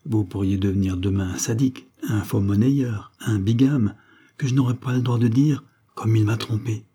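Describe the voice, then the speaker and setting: A man's voice: fairly low pitch, normal speed, dark tone, breathy edge. A man voicing a poised, ironic young foreign woman who teases her suitor. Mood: teasing. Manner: mocking, poised, teasing.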